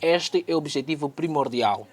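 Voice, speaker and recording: A man teaching English online, with a voice pitched a little above the usual for a man. He reads English phrases slowly, repeats them and then translates and explains them patiently. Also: animated. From Angola. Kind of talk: online English lesson in Portuguese.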